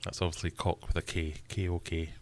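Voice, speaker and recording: Deep-voiced Scottish man chatting on a stream. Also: level tone, brisk, a little hiss or hum. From Scotland. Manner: chatty, laughs often, reads chat aloud. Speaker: livestream host. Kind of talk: casual livestream chat reading comments.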